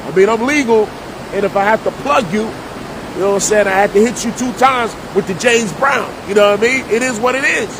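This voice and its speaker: Middle-aged man, New street talk, higher voice, heavy background rumble. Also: fairly quick. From Jersey City, New Jersey. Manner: streetwise slang, repeats himself for emphasis. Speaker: vlogger and preacher. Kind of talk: casual storytelling monologue. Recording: loud rumbling noise behind voice.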